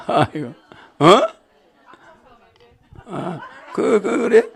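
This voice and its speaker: Gravelly high-voiced man lecturing a crowd. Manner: rambling, asks the crowd rhetorical questions; jokes and laughs with the audience. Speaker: spiritual lecturer. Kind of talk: lecture to a live audience.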